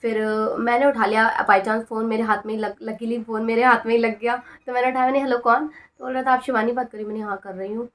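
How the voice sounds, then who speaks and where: A young woman in her twenties telling a personal story in a casual, animated way, laughing often and acting out what people said. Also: a little high, quick pace, hardly any pauses. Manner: animated, laughing often, acts out quoted lines. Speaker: vlogger.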